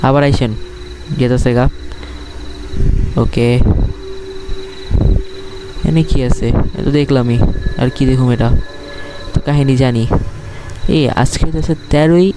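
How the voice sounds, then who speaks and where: A man's voice: mid-range voice, unhurried, long pauses, background noise. A man with a Bangladeshi accent giving casual horror game commentary to viewers, talking as a scared, jittery streamer who reacts and questions as he plays. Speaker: gaming streamer.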